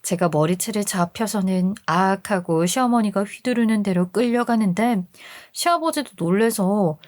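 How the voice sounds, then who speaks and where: A woman's voice: mid-range voice, moderate pace, a little mellow, dry recording. A woman narrating a first-person family story as a scripted radio storyteller, in an aggrieved, emotional manner.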